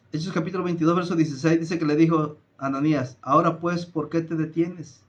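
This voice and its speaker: Guy preaching a bible study, slightly high voice, slow and deliberate, keeps saying brothers. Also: dull audio. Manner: calls listeners brothers often, reads scripture aloud; slow deliberate emphasis with some filler hesitations. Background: greets a viewer by name, live stream.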